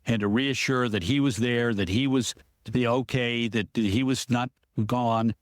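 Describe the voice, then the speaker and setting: A man speaking as a political analyst guest in a podcast interview, explaining in a measured way and often restarting his sentences. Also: mid-range voice, steady tone, dry recording, studio quality.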